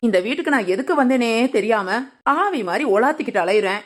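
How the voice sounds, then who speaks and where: A woman's voice: on the high side, expressive, fast talker. A woman voicing a cheeky, lazy young village daughter-in-law in a cartoon, teasing and talking back. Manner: sly, teasing, talks back. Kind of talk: cartoon voice acting.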